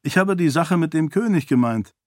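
A man's voice: a little high, expressive, normal speed, a little mellow, no room sound, studio quality, pitched above the performer's own voice, natural voice. A man voicing a teasing, jovial young nobleman in an audiobook. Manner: teasing, laughing.

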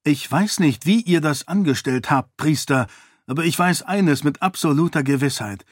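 A man's voice: on the high side, normal speed, no room sound, clean studio sound, voice pushed up, lightly acted. A man voicing a proud, defiant young princess who speaks with scorn.

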